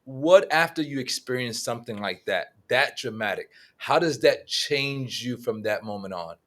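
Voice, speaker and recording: Male co-host, casual, encouraging follow-up questions, mid pitch. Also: expressive, moderate pace, fairly bright tone. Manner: encouraging, probing. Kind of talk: casual webinar interview.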